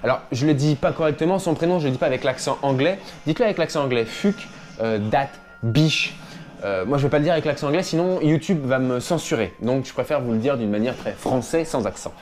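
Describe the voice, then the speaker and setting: A man's voice: mid-range voice, fast, few pauses, darkish tone. A young man hosting a casual comedic commentary, joking and chatty with many fillers. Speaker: host.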